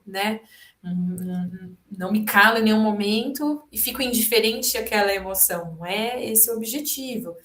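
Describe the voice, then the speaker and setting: Brazilian woman lecturing in an echoey room. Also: mid-range voice. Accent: Brazilian Portuguese. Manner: explanatory, frequent tag questions. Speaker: health educator. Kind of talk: webinar lecture.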